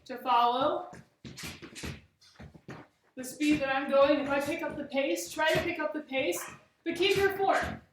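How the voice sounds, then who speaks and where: Higher-voiced woman coaching in a very echoey room. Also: steady tone, a little slow, pauses often, background noise. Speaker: fencing coach. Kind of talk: instructional exercise demonstration. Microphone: camera at a distance. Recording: very echoey room, distant microphone.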